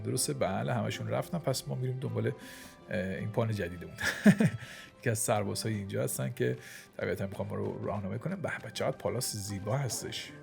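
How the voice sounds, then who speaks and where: A man giving casual, excitable gameplay commentary, often dropping to a whisper while sneaking through the game. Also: mid-range voice, gravelly. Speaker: gaming channel host. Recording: game music playing behind the voice.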